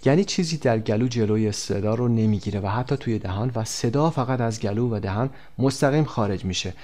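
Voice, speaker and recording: A man teaching an English textbook lesson, reading the English examples slowly and clearly and then explaining them quickly. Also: fairly low pitch, warm tone.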